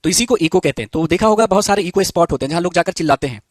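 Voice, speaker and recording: A man teaching a physics lesson, asking questions and answering them himself, and repeating key terms slowly. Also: high voice, animated, no echo. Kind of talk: live online physics lesson.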